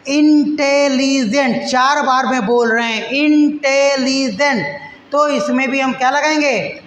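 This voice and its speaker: A male English teacher giving a grammar lesson, who spells and repeats words slowly syllable by syllable and addresses listeners as friends. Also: very high-pitched, fairly bright tone. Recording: echoey room with long reverb, faint noise.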